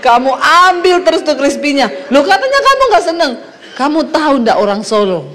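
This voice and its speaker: A woman's voice: sits high, sing-song, a little fast, fairly bright tone. A middle-aged woman from Sulawesi, a pastor giving a humorous sermon to a congregation, telling stories and acting out quotes with laughter.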